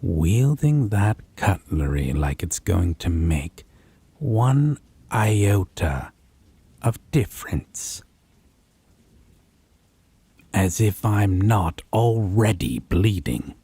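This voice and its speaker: In an audio roleplay, a man plays a predatory, possessive vampire with a deep, dark, husky, breathy low voice. He taunts the listener in extremely slow, drawn-out, sing-song phrases that slip into whispers, menacing, domineering, threatening and angry. It's a full character voice with no echo.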